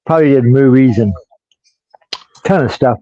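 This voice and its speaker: A man's voice: mid-range voice, moderate pace, warm tone, lo-fi sound. Rambling jokey podcast host man. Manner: rambling, jokey, does impressions. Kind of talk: casual live-stream chat.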